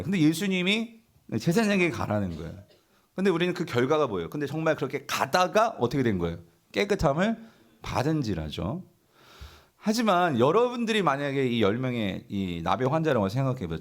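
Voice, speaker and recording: A male pastor preaching a sermon, asking the congregation questions and answering them himself, now and then acting out the grumbling of the people in the story. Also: medium pitch. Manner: acts out imagined grumbling voices of the people in the story.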